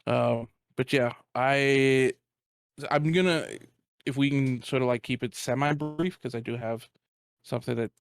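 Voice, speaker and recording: A man's voice: mid-range voice, a little slow, creaky, smooth, no room sound. Casual male co-host, dry close sound, mic dropping in and out with uneven volume. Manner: relaxed, rambling, repeats himself. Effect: uneven volume, mic cutting out. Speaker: podcast co-host. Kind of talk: casual chat.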